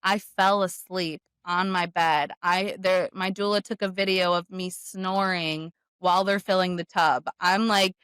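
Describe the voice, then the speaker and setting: Smooth-voiced woman telling a story. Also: lowish voice, unhurried, few pauses, dry recording. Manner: lively, acts out quoted voices. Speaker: podcast guest.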